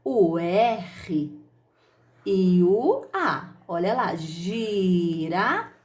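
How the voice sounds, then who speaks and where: A woman's voice: fairly low pitch, big pitch swings, drawn-out words, darkish tone. A woman teacher giving a children's phonics lesson, sounding out syllables in an affectionate, sing-song way.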